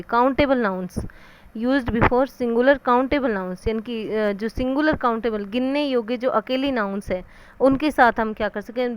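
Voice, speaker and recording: A woman teaching English grammar, explaining the rules in Hindi. She asks questions and answers them herself, and reads out the English rules slowly. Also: fairly high pitch, clean tone.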